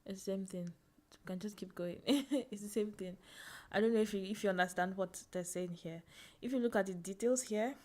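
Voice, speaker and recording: A woman's voice: mid-range voice, normal speed, few pauses, a little mellow. Woman talking through a cloud tutorial. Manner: thinking aloud, fillers and self-corrections, laughs at herself. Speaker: tech tutorial host. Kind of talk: casual screen-share walkthrough.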